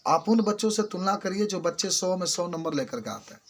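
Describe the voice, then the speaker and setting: A man's voice: high voice, lively intonation, brisk. A man teaching a chemistry class, repeating key terms and firing questions at his students. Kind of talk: classroom lecture.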